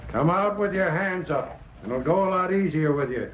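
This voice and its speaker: Old muffled radio show, guy playing a crooked boss man, kinda low voice, edgy, barks orders, schemes. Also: normal speed, lightly acted. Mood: commanding. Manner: gloating, snapping out orders. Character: scheming, edgy male fur-swindling villain, bossy boss. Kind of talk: old-time radio adventure acting. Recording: noisy, band-limited vintage radio recording.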